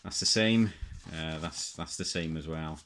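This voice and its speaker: A middle-aged hobbyist speaks in a low-pitched, slightly bright voice, halting and musing as he gives casual, unscripted show-and-tell commentary. He repeats himself often.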